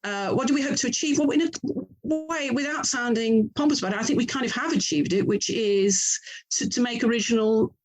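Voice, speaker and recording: A middle-aged Englishwoman with an English accent, an author and audio drama producer, answers interview questions in a chatty, reflective way and often interrupts herself. Her voice is fairly high and fairly quick. The audio quality is poor.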